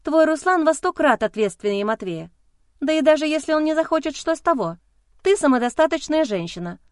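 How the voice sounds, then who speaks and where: A woman voicing a supportive adult female friend who speaks in a warm, lively, reassuring way. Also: sits high, a little fast, dry recording, studio quality, pitched above the performer's own voice.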